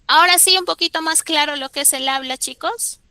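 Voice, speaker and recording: A school teacher gives a classroom lecture, frequently pausing to ask students whether they're following. Her voice is high, brisk, pushed and bright, with no echo.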